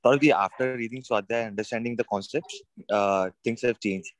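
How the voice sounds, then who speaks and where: A man answering the teacher's question in a study group, quiet and thoughtful. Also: medium pitch, fairly even intonation, a little fast, a little hiss or hum, low-quality recording. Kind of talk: answering in a class discussion.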